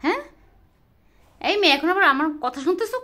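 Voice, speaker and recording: A woman's voice: very high-pitched, expressive, fairly quick, pushed and bright. A woman talking to her pet rabbit at home in a casual vlog, half scolding and half teasing it in playful baby talk. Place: home bedroom.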